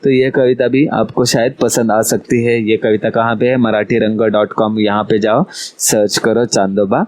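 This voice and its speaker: A man's voice: on the low side, flat delivery, normal speed, a little mellow. A male teacher, giving an online school lesson to children, patiently repeating words and quizzing his young pupils.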